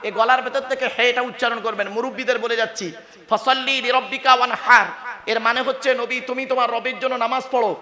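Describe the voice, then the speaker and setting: High, bright-voiced male preacher. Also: fairly even intonation, a little fast, reverberant. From West Bengal, India. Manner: calls on the crowd to answer, mixes in English words, jokes about mispronunciation. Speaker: Islamic preacher. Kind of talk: waz sermon to a crowd.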